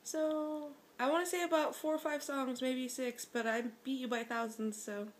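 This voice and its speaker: A young woman from Michigan talks casually, laughing often and filling her story with "like". Her voice sits a little high. She sounds relaxed and chatty. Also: moderate pace. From Michigan, USA. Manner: giggly, chatty, full of "like". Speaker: visiting guest.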